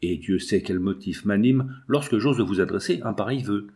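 A man's voice: fairly low pitch, normal speed, a little mellow, natural voice. A devoted young daughter begs her parents to confide in her, voiced by a male reader. Her lines come in an earnest, imploring way, as in a storybook recording. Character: young woman, devoted pleading daughter in exile.

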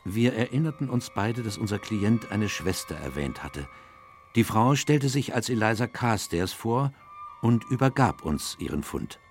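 An actor playing a measured, gentlemanly doctor who narrates a radio detective story. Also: male voice, lowish voice, lively intonation, faint music behind. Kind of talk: scripted radio drama narration.

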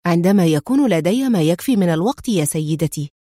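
A composed, quietly mocking male agent from an audiobook thriller, put on by a woman reader. He speaks steadily and drily, in a voice pitched down below the reader's own. The sound is close and dry, with no room around it. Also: brisk, dry recording. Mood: calm. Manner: calm, dry and mildly mocking. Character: calm, sardonic male secret agent.

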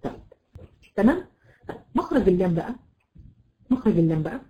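A woman with an Egyptian Arabic accent teaching Quran recitation, repeating letters slowly to demonstrate and checking on her students by name. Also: on the high side, dark tone, highs cut off. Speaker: tajweed teacher. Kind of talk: live online Quran recitation lesson.

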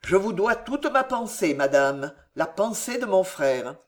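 A man reading aloud and voicing a passionate, desperate young nobleman with intense, forceful declamation. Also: high voice, very animated, unhurried, exaggerated voice. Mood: grave.

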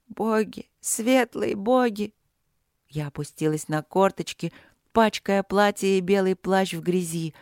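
A woman's voice: lowish voice, darkish tone, no room sound, studio quality. A woman narrating a novel in the first person, reading with feeling. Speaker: audiobook reader.

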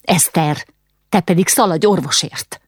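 A woman's voice: on the low side, slightly rough, no echo, clean studio sound, voice pushed up. A woman voicing a frightened young gentry girl who gives urgent orders in an audiobook. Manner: urgent, commanding.

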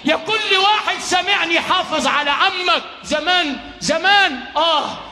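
Shouting Egyptian preacher in an echoey hall. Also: male voice, very high voice, some chatter behind, slight background noise. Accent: Egyptian Arabic. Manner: impassioned, shouting, chanting verses in a drawn-out sung voice. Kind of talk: shouted Friday sermon. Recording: echoey hall, faint music behind.

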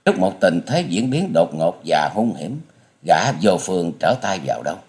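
A man narrating a martial-arts audiobook with expressive storytelling. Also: sits low, normal speed.

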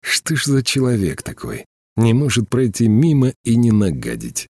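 A man reading an audiobook, voicing a calm, mild-mannered male teacher who turns out to be a killer, talking with curt, weary impatience. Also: medium pitch, moderate pace, no echo, studio quality, voice pushed up.

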